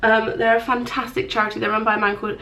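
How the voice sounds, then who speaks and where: A woman's voice: a little high, little pitch movement, fast, bright, forceful tone, low-quality recording. Chatty woman vlogging. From England. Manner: chatty, rambling, self-mocking. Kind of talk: casual vlog chat. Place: hotel room, then outdoors in a city.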